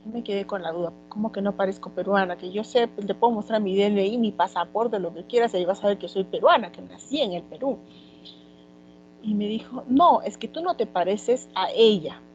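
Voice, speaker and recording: A woman from Peru with a Peruvian accent, teaching an online class in a conversational way, often pausing on fillers. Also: medium pitch, a little mellow, highs cut off, a little hiss or hum. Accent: Peruvian Spanish. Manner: conversational, many fillers like "este".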